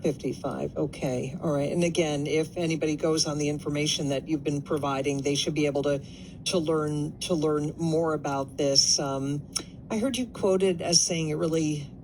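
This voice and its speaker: A man's voice: steady tone, moderate pace, a little mellow, rough recording. A man hosting a public radio interview, talking conversationally in tentative, reflective phrases. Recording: low rumbling background noise.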